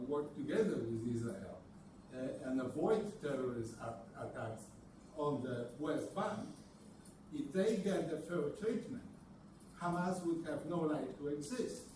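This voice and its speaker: A man's voice: a little high, background noise. A man in the audience asking a long, winding question and apologizing as he goes. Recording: echoey room, distant mic.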